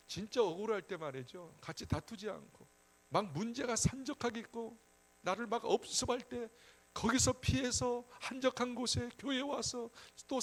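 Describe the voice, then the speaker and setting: High-voiced emphatic male preacher. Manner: emphatic, conversational preaching that swings between loud urging and soft asides. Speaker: pastor. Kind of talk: sermon at a Friday prayer meeting.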